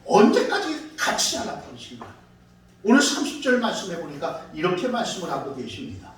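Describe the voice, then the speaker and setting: A man preaching a sermon as pastor, telling stories in an animated way and acting out quoted voices. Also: high-pitched, brisk. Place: church sanctuary. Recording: very echoey hall, far from mic.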